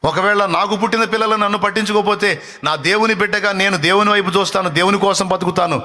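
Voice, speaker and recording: A man's voice: sits high, steady tone, racing, bright, forceful tone. A male preacher giving a fervent sermon, repeating lines for the congregation to echo and acting out taunting voices. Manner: acts out taunting voices and rebukes them.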